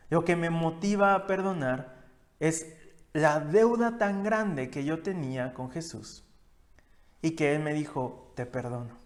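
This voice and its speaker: A man preaching a sermon, reading scripture aloud and repeating key phrases with rising emphasis. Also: on the high side. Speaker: pastor.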